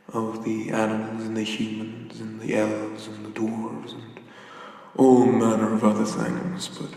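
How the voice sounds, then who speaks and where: Man playing Atlas, slow Irish giant god, ASMR role-play. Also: lowish voice. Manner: slow, measured, formal, condescendingly gentle giant. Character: giant old god of the hunt, courteous but menacing. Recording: echoey hall-like reverb, somewhat distant.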